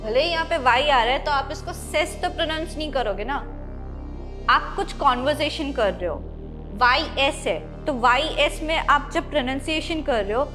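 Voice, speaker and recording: A woman teaching English pronunciation, explaining step by step and spelling words out letter by letter. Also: high voice. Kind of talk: classroom-style lesson. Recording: light background music.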